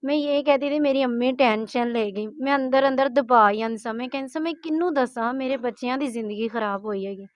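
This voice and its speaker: A woman's voice: on the high side, few pauses, no echo. Woman, pleading, upset, dull muffled dry audio. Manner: pleading, distressed. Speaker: interviewee, mother. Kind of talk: emotional personal account.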